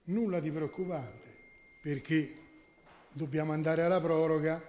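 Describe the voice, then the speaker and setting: Brief: councillor, man, fairly high voice, combative, stop-start, reverberant hall. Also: steady tone, a little slow, a little mellow. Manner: argumentative, corrects himself often. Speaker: town councillor. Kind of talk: formal council debate. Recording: echoey council chamber.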